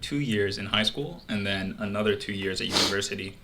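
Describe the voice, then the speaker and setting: A man in his twenties from Greece, hosting a casual chat in a relaxed, friendly way. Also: fairly low pitch, brisk, background noise. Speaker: podcast host.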